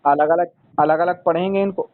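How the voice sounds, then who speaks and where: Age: adult. Sex: man. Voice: high. Role: patient teacher. Sound: tinny phone-line recording. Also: steady tone, moderate pace. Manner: patient, repeats points, calls the student son. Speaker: Arabic reading teacher. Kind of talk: one-on-one lesson.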